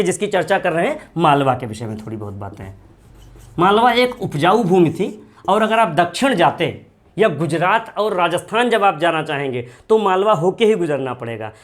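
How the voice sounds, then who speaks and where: A man teaching a history class, repeating key names slowly so students can write them down. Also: high-pitched. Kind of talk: classroom lecture.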